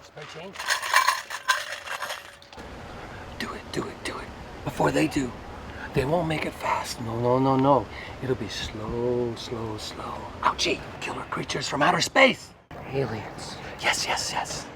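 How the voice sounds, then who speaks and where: Muttering paranoid vagrant, noisy location. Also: male voice, mid-range voice, animated, moderate pace, gravelly. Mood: urgent muttering. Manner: muttering, repetitive, sing-song rhyming. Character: raving paranoid male vagrant, twitchy and cryptic. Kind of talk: film acting.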